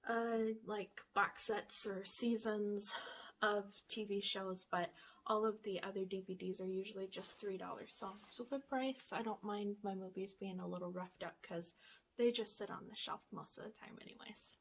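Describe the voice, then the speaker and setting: A woman's voice: medium pitch, steady tone, normal speed, a little hiss or hum. A woman at home chatting her way through a shopping haul, rambling with fillers, a little out of breath. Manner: reads the blurbs on the backs of DVD cases aloud. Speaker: vlogger showing a shopping haul. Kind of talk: casual chat. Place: indoors at home, sitting in one spot.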